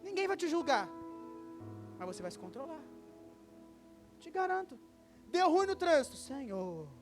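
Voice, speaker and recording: A man with a Brazilian Portuguese accent preaching a sermon as pastor, lively and acting out short dialogues. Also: extremely high pitch, normal speed, faint music behind. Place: church service.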